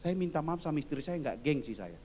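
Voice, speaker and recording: A man preaching a sermon in a high, lively voice that swings widely in pitch. He tells his stories with animated, laughing delivery and acts out the people he quotes. He sounds middle-aged. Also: quick pace, a little hiss or hum. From Indonesia. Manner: frequent laughter.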